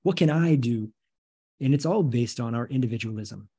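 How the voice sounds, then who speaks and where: A male podcast host welcomes his guest and asks questions, backing him up with short affirmations. His voice is mellow and slightly husky, in a middle pitch. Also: moderate pace. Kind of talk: casual interview talk.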